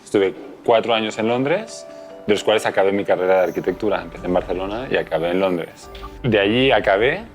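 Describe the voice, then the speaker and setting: A man from Spain in his thirties, speaking casually and quickly as an interviewee. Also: fairly low pitch, soft background music. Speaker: interviewee, architect. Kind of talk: personal interview.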